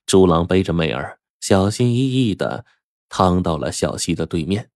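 A man narrating a serialized folk tale as a storyteller, with expressive, dramatic delivery. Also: low-pitched, normal speed, no room sound, clean studio sound.

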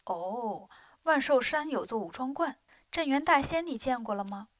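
A woman doing a calm, wry bodhisattva. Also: high voice, moderate pace, no echo. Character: calm, wry female bodhisattva, motherly and scolding.

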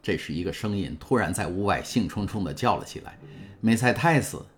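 A man narrating a novel in a calm, measured storytelling way. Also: sits low, a little hiss or hum. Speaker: audiobook narrator. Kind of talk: scripted narration. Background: faint music.

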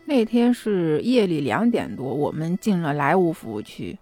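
A young adult woman casually telling a personal story in a chatty, lively way. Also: low voice, moderate pace, faint music behind. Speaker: vlogger.

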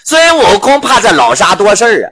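A man's voice: high voice, wildly swooping pitch, brisk, pushed and bright, slightly rough. A man retelling a classic novel chapter with casual, joking asides to listeners. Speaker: storyteller.

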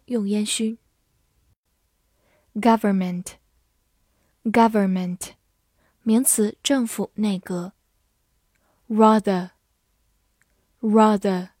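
A woman teaching English vocabulary, saying each word twice and then calmly reading out its meanings and example sentences. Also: mid-range voice, no room sound, clean studio sound. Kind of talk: slow vocabulary drill and translation lesson.

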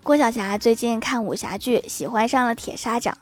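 A woman's voice: on the high side, normal speed, no room sound, soft background music. A woman hosting a joke show, reading funny anecdotes aloud in a playful way and chuckling at the punchlines.

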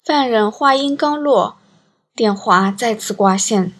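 A woman narrating an audiobook in an even storytelling manner. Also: fairly high pitch, slow pace, husky.

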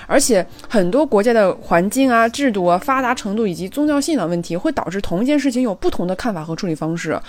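A woman co-hosting a podcast, giving her views in a measured, earnest way. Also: a little high, darkish tone. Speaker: podcast co-host. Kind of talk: reflective podcast monologue.

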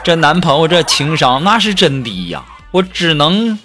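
A man telling short comic anecdotes in a lively monologue, acting out the people he quotes. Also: a little high, moderate pace. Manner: animated, acts out quoted people in shifting voices. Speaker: comedic storyteller. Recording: with background music.

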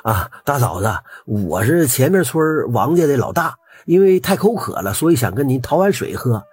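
A man's voice: medium pitch, sing-song, moderate pace, a little mellow, husky, faint music behind. A man voicing a tipsy, simple-hearted middle-aged farmer who talks easily and hesitates with fillers.

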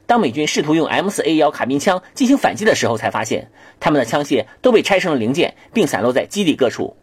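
A man's voice: fairly high pitch, big pitch swings, fast talker, slightly rough, no room sound. A man telling a satirical comedy monologue in a mock-serious, exaggerated storytelling manner. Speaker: comedic narrator.

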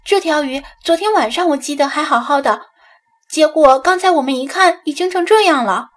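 A woman voicing an eager young woman, high and pressing. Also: close to an everyday voice. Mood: worried. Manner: quick, pressing questions.

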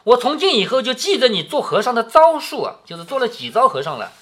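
A man's voice: very high voice, big pitch swings, quick pace, a bit bright, breathy edge, voice pushed up, full character voice. A man reading aloud and voicing a playful, teasing young noble girl from a classic novel, with a laughing manner.

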